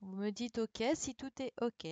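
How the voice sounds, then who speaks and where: A woman's voice: a little high, normal speed, darkish tone, dry recording. A woman teaching an online class, patiently spelling out letters and checking that her pupils follow. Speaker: primary school teacher. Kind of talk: online class, correcting a dictation. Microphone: computer mic on a video call. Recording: dull, lo-fi sound.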